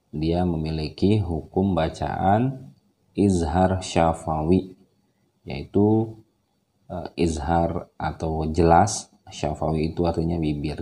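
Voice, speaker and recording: A man's voice: extremely low pitch, mellow. A man with an Indonesian accent teaching Quran reading step by step, over-enunciating and drawing out example syllables. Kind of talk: step-by-step recitation lesson.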